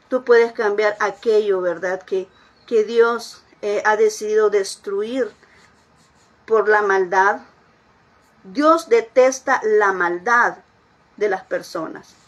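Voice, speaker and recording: A woman pastor preaching a sermon in an earnest way, often repeating phrases and asking her listeners questions. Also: fairly high pitch.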